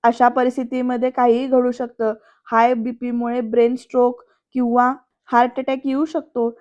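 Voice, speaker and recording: A serious male doctor explains slowly and gravely, voiced by a woman narrator. The delivery is steady and measured. The recording is dry and muffled. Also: a little high, no room sound, natural voice.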